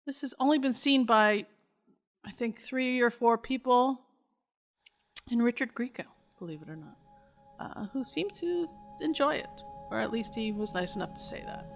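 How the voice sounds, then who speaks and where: This podcast host speaks in a slightly high, animated, gravelly voice at a moderate pace, with faint music behind her. She's informal, self-deprecating and sweary, either chatting casually or reading her own script aloud.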